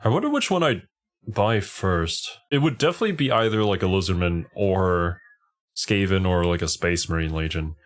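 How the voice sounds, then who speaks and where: Casting: male streamer with a low voice, reacting casually and conversationally to a video. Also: lively intonation, moderate pace. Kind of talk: casual live reaction commentary.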